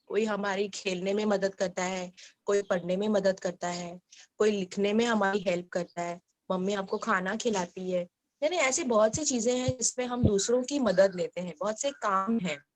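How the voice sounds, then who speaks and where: A woman teacher giving an online lesson to young children, explaining gently and asking them questions. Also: medium pitch, normal speed, low-quality recording. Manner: acts out short dialogue lines.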